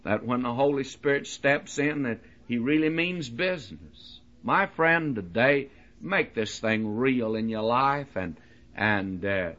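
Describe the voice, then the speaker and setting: A man's voice: medium pitch, animated, measured pace, a bit bright. A man preaching a sermon, pressing his listeners with direct questions and homely everyday illustrations. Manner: homely illustrations, folksy delivery. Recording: dull lo-fi recording.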